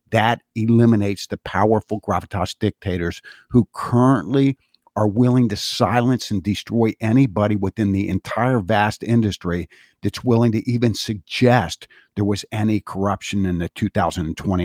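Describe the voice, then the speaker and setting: A man with a fairly low voice delivers a long political monologue. He hammers his points with insistent repetition, like a speech. The sound is dry and close, with no room echo. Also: darkish tone. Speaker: political commentator. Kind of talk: monologue commentary.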